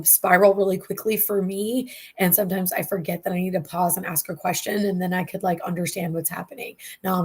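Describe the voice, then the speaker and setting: Husky, gravelly woman therapist hosting a talk. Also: on the low side. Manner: casual, candid, teaching tone with frequent asides. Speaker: therapist and show host. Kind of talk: live online talk show.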